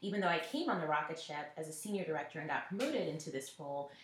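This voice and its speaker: A school network executive from Nashville, Tennessee, answers interview questions as a guest, earnest and reflective, often quoting what others said. She talks fast in a low voice with lively intonation, and the recording has a roomy echo.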